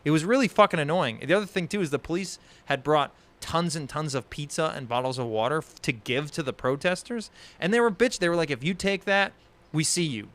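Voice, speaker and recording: A man's voice: fairly high pitch, lively intonation, a little fast, hardly any pauses, a bit bright. A man who hosts a podcast, talking in a casual discussion stream, heated and exasperated, swearing often and rambling with many restarts. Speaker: podcast host.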